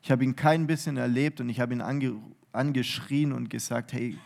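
A man's voice: mid-range voice, steady tone, normal speed, gravelly, darkish tone. A man giving a personal testimony sermon with prayer from a church stage, earnest and heartfelt, often restarting his sentences.

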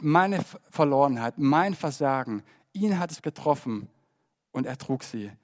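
A man preaching a sermon in a church service, swinging between loud emphasis and soft, quiet appeals. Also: fairly high pitch.

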